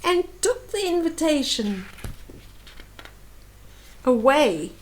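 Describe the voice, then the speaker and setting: An older woman retells a picture book to young children as a storyteller, speaking in a high voice at a slow pace. She uses short, expressive phrases and addresses the listener directly.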